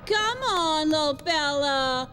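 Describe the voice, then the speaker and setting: An actress playing a cheerful, forgetful female fish with a bubbly, playful manner, heard in a film clip under loud music. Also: high voice, animated, very slow, heavily acted. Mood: coaxing. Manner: bubbly, playful, breaks into silly stretched sounds.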